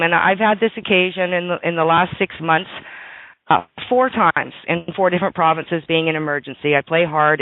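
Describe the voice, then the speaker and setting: A woman's voice: lowish voice, no room sound. A woman calling in to a talk show, chatting candidly and rambling a little while her internet line keeps breaking up. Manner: candid, rambling, swears now and then. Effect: call-in audio breaking up over a weak internet line. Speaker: caller. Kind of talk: casual call-in chat. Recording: tinny, dry, phone-like internet call.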